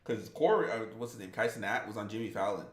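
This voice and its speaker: Low in pitch and quick in pace, this man chats casually on his game stream, drifting between topics and reading viewers' messages aloud. There's noticeable room echo.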